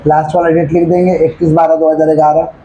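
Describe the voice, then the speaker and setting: A male commerce teacher giving a classroom lecture, asking the class again and again if they follow, and slowing right down to dictate. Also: fairly high pitch, flat delivery, mellow, lo-fi sound, slight background noise. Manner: repeatedly checks understanding with questions; dictates slowly, then rattles off explanations.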